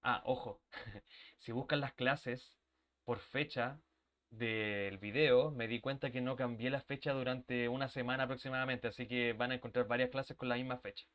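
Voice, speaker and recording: A man's voice: mid-range voice, fairly even intonation, normal speed, a bit bright. Man teaching an English class. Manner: explains step by step, checks in often with ok and ya. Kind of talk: online class lecture.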